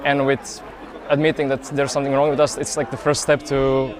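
Flat-voiced young man, hesitant. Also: mid-range voice, crowd noise. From Croatia. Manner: earnest, hesitant, many pauses and fillers. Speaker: interviewee, festival pilgrim. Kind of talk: casual street interview. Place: outdoor youth festival grounds.

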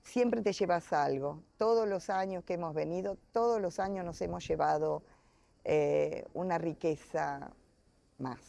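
A woman gives a reflective testimony very slowly. Her voice is low and mellow with a gravelly fry. She sounds unhurried throughout.

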